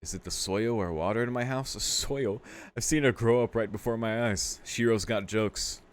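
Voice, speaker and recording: Speaking in a lowish voice at a moderate pace, this let's play host reads through a visual novel out loud. He keeps it amused and casual, swearing and tossing in informal asides.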